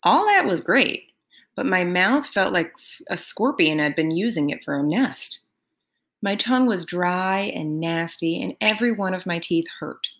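A woman reading a novel aloud in first person, unhurried and expressive. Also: on the low side. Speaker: audiobook reader.

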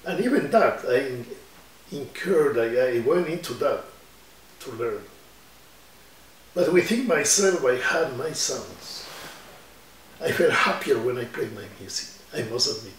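An Ecuadorian musician in his 70s speaks slowly in an oral history interview, his mid-range voice carrying lively intonation as he reflects and gestures with his hands. He sits indoors in a room with guitars on the wall, and the distant mic gives a roomy sound with slight background noise.

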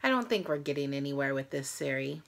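A woman's voice: extremely low pitch, expressive, quick pace, gravelly, fairly bright tone. A tired woman in her thirties chatting casually to camera as she hosts a challenge vlog. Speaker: host of a challenge video. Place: small room at home.

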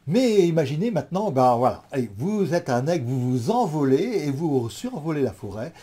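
Guy lecturing, low dark husky voice, lots of ums, walks you through little imagined scenes. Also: very animated, normal speed. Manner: thoughtful, with many fillers. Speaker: teacher. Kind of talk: spoken lecture.

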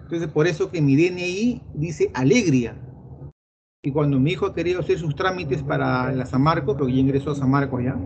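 Chatty Peruvian math teacher, lo-fi. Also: male voice, fairly high pitch. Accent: Peruvian Spanish. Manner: chatty, addresses students directly. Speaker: pre-university math teacher. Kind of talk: online class lecture. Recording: dull lo-fi audio with faint noise.

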